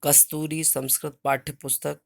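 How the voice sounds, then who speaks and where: A man's voice: a little high, flat delivery, vocal fry, no room sound, studio quality. A man teaching a Sanskrit lesson to children, reciting verses syllable by syllable and explaining patiently. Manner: slow, drawn-out recitation of each syllable.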